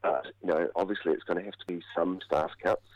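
Low, croaky New man with a cold. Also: steady tone, no echo. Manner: measured, halting, explanatory. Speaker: political commentator, university academic. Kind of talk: spoken analysis in a radio interview. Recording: dull, band-limited radio audio.

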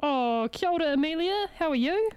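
A woman from New Zealand hosting a radio chat, friendly and quick to laugh as she prompts her guest with questions. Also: sits high, lively intonation, darkish tone. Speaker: radio host. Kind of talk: casual radio interview.

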